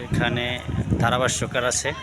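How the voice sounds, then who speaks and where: A man's voice: mid-range voice, monotone, normal speed. A man giving informal running commentary from beside an outdoor village football match. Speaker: amateur match videographer and commentator. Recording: very noisy outdoor recording, loud crowd.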